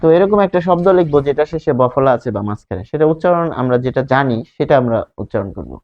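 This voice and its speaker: A male teacher giving a grammar lesson who explains slowly, repeats key words and asks the class questions. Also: mid-range voice, expressive. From Bangladesh. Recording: dull lo-fi sound.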